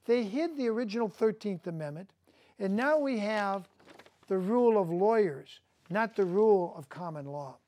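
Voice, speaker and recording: A man's voice: high voice, expressive, moderate pace, darkish tone. A man hosting a studio talk show, ranting emphatically and indignantly.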